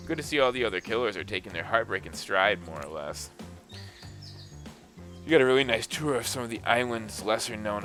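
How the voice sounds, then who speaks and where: A young man with a deep voice and a bright, forceful tone reads a dating game aloud, cracking jokes and slipping into voices. Faint game music plays underneath. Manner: jokey, reads dialogue in voices. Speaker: gaming YouTuber.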